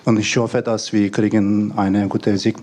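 A man with a Turkish accent speaks in a low, flat voice, giving a halting interview answer as a football player. He searches for words and speaks in a non-native way. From Turkey. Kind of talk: interview soundbite.

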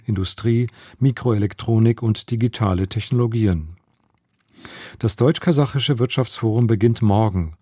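Male newsreader, formal and measured, low mellow voice, dry studio sound. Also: no room sound. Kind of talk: scripted radio news reading. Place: radio studio.

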